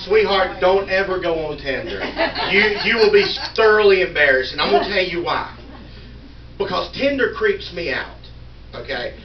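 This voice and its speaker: A man's voice: sits high, animated, moderate pace. A man, doing a live stand-up set, mocking himself and bantering with the audience in a small room. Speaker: stand-up comedian. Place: small indoor venue in a wine store. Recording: roomy, distant, dull live recording with crowd ambience.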